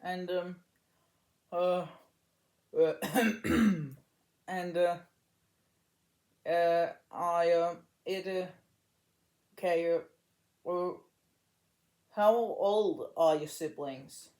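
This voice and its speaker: A woman's voice: lowish voice, extremely slow, long pauses, a little mellow. A woman hosting a talk show interview, asking her questions hesitantly with many ums and uhs. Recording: echoey room.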